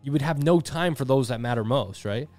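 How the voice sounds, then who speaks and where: A man's voice: medium pitch, a little fast, a little mellow, faint music behind. Candid man in his thirties, casual podcast talk. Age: 30s. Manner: candid, self-deprecating, swears casually. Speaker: podcast co-host. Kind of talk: casual reflective chat.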